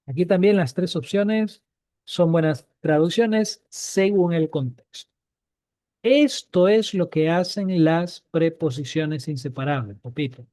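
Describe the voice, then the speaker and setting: A man with a mellow, darker tone teaches Biblical Hebrew, repeating each point and checking in with his students. His voice sits a little high for a man, on a dry recording with no room around it. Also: takes it slowly, dry recording. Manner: repeats key points, asks students questions. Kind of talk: online class lesson.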